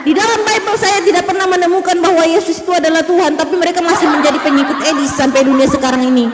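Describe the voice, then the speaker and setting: Woman, livestream speaker, mocking tone, frequent laughter, high voice, echoey room, long reverb, clear noise. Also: quick pace. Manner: mocking, laughs often, addresses viewers directly. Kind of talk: casual livestream debate talk.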